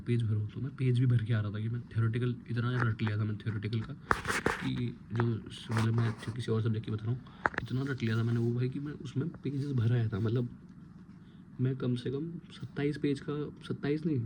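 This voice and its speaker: A young man in his twenties, a college student, talks quietly and rambles in a casual late-night vlog at home, recorded close on a phone. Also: mid-range voice, steady tone, brisk, noisy background. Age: 20s. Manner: hushed, rambling, self-mocking. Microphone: phone held close.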